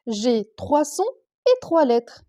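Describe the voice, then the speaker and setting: A woman teacher, slowly sounding out letters, sounds and syllables for young children in a reading lesson. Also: high-pitched, sing-song, dark tone. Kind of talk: primary school reading lesson.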